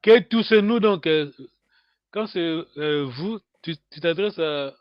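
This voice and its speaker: Brief: male teacher on a video call, high voice, unhurried and halting, dull dry lo-fi audio. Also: no room sound. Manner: patient, hesitant, many pauses and fillers. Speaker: language teacher. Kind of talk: online language lesson.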